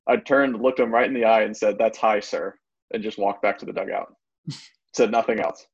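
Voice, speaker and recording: A man recalling his last high school baseball game, with a dry, understated delivery. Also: steady tone, brisk, breathy edge. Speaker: former baseball player. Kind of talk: casual chat. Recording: dull, lo-fi mic.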